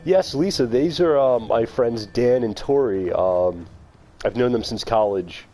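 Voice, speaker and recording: A man streams a video game and gives casual live commentary, chatting with his viewers, calling them by name and laughing often. His mid-range voice is warm and measured in pace, with slight background noise.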